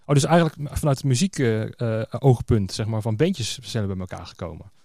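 A man's voice: mid-range voice, brisk, creaky, darkish tone, no room sound, studio quality. A man hosting a podcast in a casual, conversational interview style. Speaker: podcast host.

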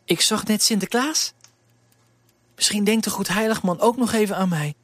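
A man's voice: sits high, moderate pace, no room sound, pitched above the performer's own voice. A man voicing a polite, shy twelve-year-old servant girl in a storybook reading, with a raised, earnest voice.

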